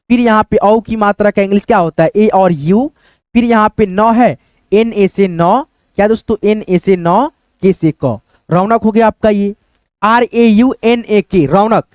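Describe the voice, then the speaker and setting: A man's voice: high-pitched, a little mellow, clean tone, dry recording. A man teaching English spelling step by step, who keeps asking his viewers questions and calls them friends.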